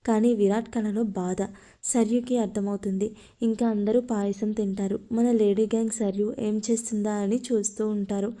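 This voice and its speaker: A woman narrating a love story, reading in a steady, flat way. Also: medium pitch, normal speed.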